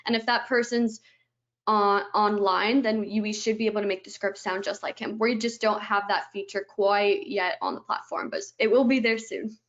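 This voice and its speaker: A woman's voice: medium pitch, fairly even intonation, moderate pace, fairly bright tone, highs cut off. A woman, a guest on a webinar, eagerly explaining her product step by step, stringing the steps together with "and then", over a video call.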